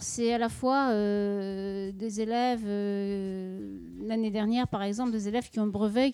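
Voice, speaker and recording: A middle-aged woman from Paris answering interview questions as a school deputy head, in a measured, explanatory way with frequent hesitations. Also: mid-range voice, dark tone.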